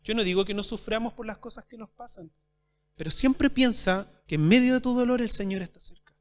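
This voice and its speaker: Preaching at a church service in a high voice at a fairly quick pace, a pastor addresses the congregation as brothers, throwing out rhetorical questions and alternating between loud and soft delivery.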